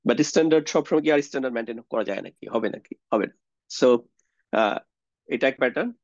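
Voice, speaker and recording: A man's voice: mid-range voice, fast, no room sound, muffled recording. A young man teaches a grammar lesson, explaining step by step, mixing in English words and asking rhetorical questions. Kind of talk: lecture on Arabic grammar.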